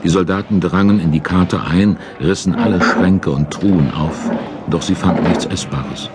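A man with a low voice narrates at a moderate pace, delivering dramatic, scripted audiobook-style storytelling for a historical radio play. Battle sound effects play beneath his narration.

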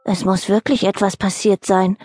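A woman's voice: medium pitch, little pitch movement, normal speed, a little mellow, dry recording, faint music behind, lightly acted. A woman voicing a timid, fretful male hare in a children's audiobook. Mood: fretting. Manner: timid, fretting, mutters to himself.

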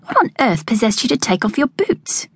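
Woman voicing a fiery young farm girl, high and indignant. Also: big pitch swings, moderate pace, husky, full character voice. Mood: concerned. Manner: indignant, sharp-tongued.

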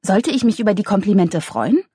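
A woman narrating a humorous novel with a lively, ironic delivery. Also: fairly quick, slightly rough, dry recording, studio quality. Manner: lively, ironic, voices characters with raised pitch. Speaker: audiobook narrator.

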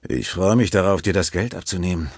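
A man's voice: low-pitched, expressive, brisk, husky, no room sound, studio quality, heavily acted. A male narrator playing a confident poker host who needles the other players. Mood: smug.

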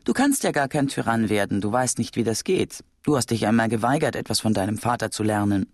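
A woman's voice: a bass voice, lively intonation, brisk, darkish tone, no echo, studio quality, heavily acted. A woman voicing a spirited, teasing young farm wife who is pregnant, in an audiobook. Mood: playful. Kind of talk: audiobook character voice.

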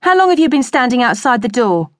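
A restless, unhappy young woman in an audiobook, tense and sharp-edged, as a woman narrator plays her. Higher than the narrator's own reading voice. Dry and close. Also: steady tone, normal speed, dry recording, lightly acted. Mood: distressed.

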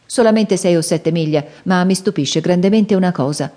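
A woman's voice: on the low side, moderate pace, dark tone, close to an everyday voice. A woman voicing a loyal, earnest Indian companion. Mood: respectful. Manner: earnest, respectful.

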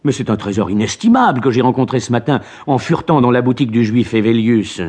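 A man voicing an excitable, irascible old male professor in an audiobook, scolding and impetuous. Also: medium pitch, fast, husky. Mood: excited. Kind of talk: dramatized audiobook reading.

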